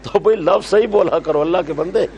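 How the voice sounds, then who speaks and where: A man teaches a religious class in a slightly high voice. He dictates slowly, repeats each phrase for note-taking, and quizzes his students sharply. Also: darkish tone, slight background noise. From Pakistan. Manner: scolds and quizzes students brusquely. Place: lecture hall with students.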